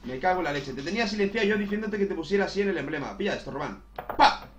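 A man commentating his own game, excitable, swearing and saying "tío" all the time. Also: high voice, very fast, echoey room, a little hiss or hum. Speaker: gaming youtuber. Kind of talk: casual gameplay commentary.

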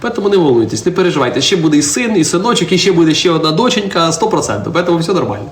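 A priest in his twenties chats casually on a live stream from inside a church, racing along in a fairly high voice with big pitch swings. He answers viewer comments and teases his little daughter, with a roomy echo and faint background noise in the recording.

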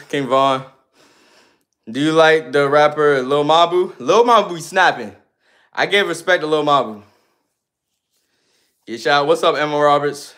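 A man's voice: on the high side, a bit bright. A man in his twenties livestreaming, reading viewer comments aloud and answering them in loose, slangy, sometimes ranting casual chat. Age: 20s.

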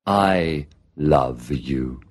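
A man's voice: a bass voice, expressive, a little mellow. A man with an English accent pronouncing single words with care as a model voice in a language course. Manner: careful, drawn-out words for learners to repeat. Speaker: pronunciation model voice.

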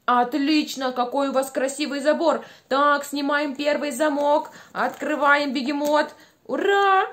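A young woman teaching small children speech exercises in a playful, encouraging, animated way, enunciating every word with exaggerated care. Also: high voice, measured pace, few pauses. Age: young adult. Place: small room at home by a window.

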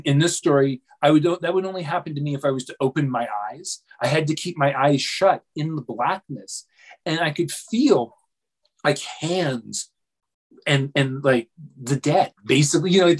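A man's voice: a little high, normal speed, slightly rough. Hesitant man telling a dream story. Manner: hesitant, many restarts and fillers, self-deprecating. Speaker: dreamwork coach, guest. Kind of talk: casual storytelling in an interview.

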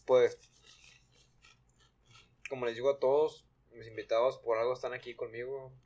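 A man's voice: mid-range voice, normal speed. A young man hosting a casual podcast chat, slangy and full of restarts, at a desk mic in a small studio. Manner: relaxed slangy questioning with many restarts. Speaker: podcast host. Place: small studio with blue wall.

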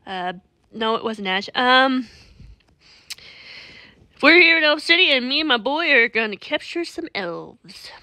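High, bright-voiced woman rambling. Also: big pitch swings, unhurried, long pauses. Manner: rambling, chatty, self-interrupting. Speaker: gameplay video host. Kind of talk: casual gameplay commentary.

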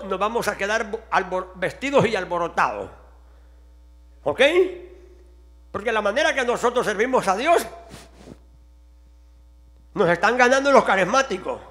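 A man preaching a sermon to his congregation, swinging between quiet questions to the audience and shouted exhortations. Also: sits high, sing-song, measured pace, pauses often.

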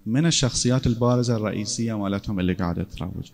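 A man's voice: on the low side, racing, gravelly, a little mellow. A man giving a casual classroom lecture, conversational and often checking in with his listeners.

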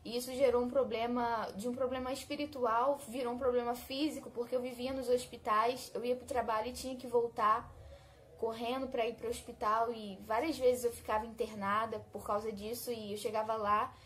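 Young Brazilian woman, higher voice, heartfelt personal testimony with faint background hiss. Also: level tone, fairly quick. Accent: Brazilian Portuguese. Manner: heartfelt, conversational, often addresses listeners directly. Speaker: channel host sharing a testimony. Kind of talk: personal faith testimony told to viewers.

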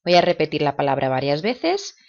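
Woman, low voice, patient language teacher, slow repetitions, dull lo-fi sound. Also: sing-song, a little mellow. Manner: patient, repeats words slowly for imitation. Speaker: English teacher for parents. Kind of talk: video lesson, explaining and drilling words. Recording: dull lo-fi recording.

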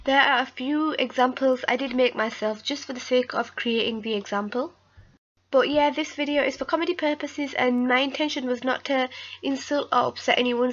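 High-pitched young woman, sick, dull recording. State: sick, with a cold-affected voice. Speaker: YouTube video creator and narrator. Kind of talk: scripted comedic list narration. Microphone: voice-over recorded off screen.

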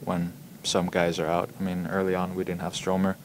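A young man, a hockey player, answering reporters' questions at a postgame press conference, halting and full of ums and repeated words, speaking into table microphones in a press room. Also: sits low, monotone, background noise. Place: press room in front of a logo backdrop. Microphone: table microphones in front of him.

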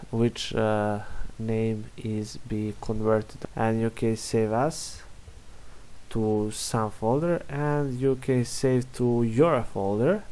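In a screen-recorded demo, a young Serbian software developer explains his work in halting English with a Serbian accent, piling up fillers and starting sentences over. His voice is mid-range.

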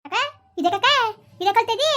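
A lamenting village wife in a homemade comedy skit, played by a woman. Her voice sits very high and pours out quickly in a flat, wailing run. She complains on and on about being left behind. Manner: wailing complaint in a fast village sing-song. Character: village wife whose husband has run off.

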